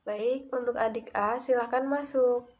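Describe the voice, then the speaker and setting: A polite laboratory nurse acted by a woman in a scripted role-play. The voice is fairly high and stays even in tone. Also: unhurried, highs cut off, natural voice. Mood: polite, calm. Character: polite female laboratory nurse instructing patient.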